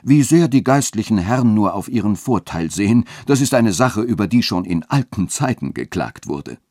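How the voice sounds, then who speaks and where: A man's voice: lowish voice, big pitch swings, normal speed, darkish tone, no room sound, studio quality, pitched above the performer's own voice. A man reading a story aloud and voicing an indifferent nobleman who speaks in an offhand way.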